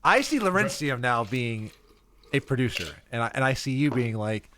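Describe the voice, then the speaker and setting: A man hosting a podcast in casual chat, excitable and enthusiastic. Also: mid-range voice, normal speed, background noise. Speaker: podcast host.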